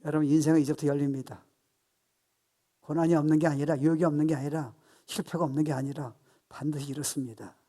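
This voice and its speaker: A man in his sixties preaching a sermon as pastor, animated and playful, acting out voices and laughing at his own jokes. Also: a little high, fast talker.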